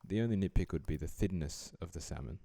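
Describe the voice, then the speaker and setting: A young man giving relaxed, dryly joking voice-over commentary as he rates food. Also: sits low, fast, creaky, slight background noise. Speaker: vlogger rating food.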